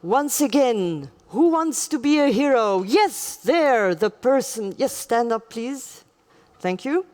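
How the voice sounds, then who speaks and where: A woman's voice: on the high side, animated, slow, darkish tone. A woman moderates a live conference session, playfully coaxing the audience to take part. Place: large indoor conference hall.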